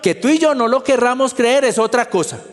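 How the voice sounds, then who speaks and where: A man's voice: extremely high pitch, animated, a little fast, in a large hall. A male pastor delivering a sermon with emphatic preaching that repeats key phrases for effect.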